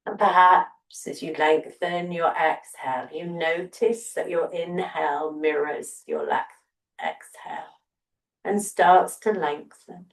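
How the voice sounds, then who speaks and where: Woman, low voice, breathwork teacher, calm and unhurried, a little off-mic. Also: roomy sound, distant mic, rough recording. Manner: soft, slow, soothing guidance with long pauses. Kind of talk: guided breathing meditation.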